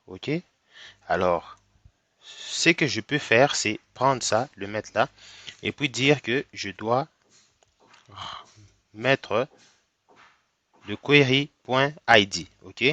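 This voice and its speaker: A fairly low-pitched, pushed and bright male voice, with no room sound, comes from a programming tutor who has a cold. His screen-recorded coding tutorial is slow and step by step, punctuated by frequent "ok?" checks.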